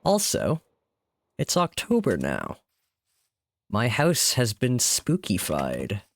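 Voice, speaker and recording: With a mid-range voice that swings hugely in pitch, a man talks slowly in relaxed gaming live-stream chat, rambling and laughing softly. He's sick, slightly hoarse and tired; the desk-mic recording has slight background noise.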